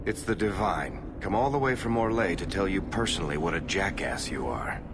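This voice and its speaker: A man's voice: low voice, animated, brisk. A man playing a sarcastic, mocking knight in a video game. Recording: noisy game capture.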